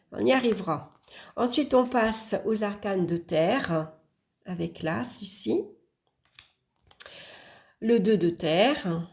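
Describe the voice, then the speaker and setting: Slow, gravelly-voiced woman leafing through cards. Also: lowish voice. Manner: unhurried, murmuring card names while flipping, with small hesitations; warm, admiring remarks about the artwork. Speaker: channel host presenting a tarot deck. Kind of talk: casual deck walkthrough.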